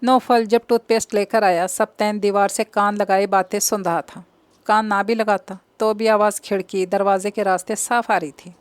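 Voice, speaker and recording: A woman narrating an audio novel in steady storytelling tone. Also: mid-range voice, moderate pace, no room sound.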